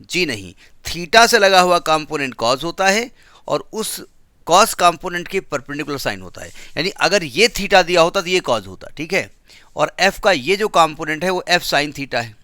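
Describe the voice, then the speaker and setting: A man's voice: on the high side, animated, unhurried, pushed and bright, no room sound, studio quality. A man teaching a physics class, explaining step by step and asking the students questions, with an Indian English accent.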